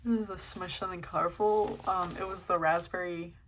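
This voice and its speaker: A woman's voice: on the low side, fairly even intonation, brisk, fairly bright tone, slight background noise. A young woman hosting her first vlog, flipping through a journal in a casual, hesitant way with lots of ums. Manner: hesitant, many ums, self-deprecating. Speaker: channel host.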